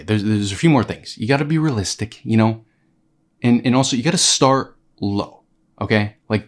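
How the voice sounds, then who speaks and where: A young man in his twenties delivers a comedic self-help rant about dating. His voice sits in an ordinary middle register. He swears freely and speaks in a pushy pep-talk manner. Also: mid-range voice. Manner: brash, profane, pep-talk tone. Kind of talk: comedic dating advice monologue.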